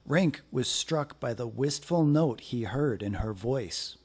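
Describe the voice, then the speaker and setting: Here a man of medium pitch, his voice edged with breathiness, reads a children's picture book aloud in a deliberate, expressive storytelling style.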